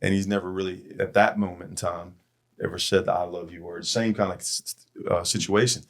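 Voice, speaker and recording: A man's voice: sits low, level tone, a little fast. A middle-aged man hosting a church men's podcast, telling stories in an earnest, heartfelt way. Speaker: podcast host.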